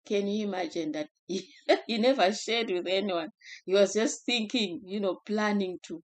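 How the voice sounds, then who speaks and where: A woman speaking in a gentle, unhurried way in a personal devotional talk, with many fillers and restarts. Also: mid-range voice.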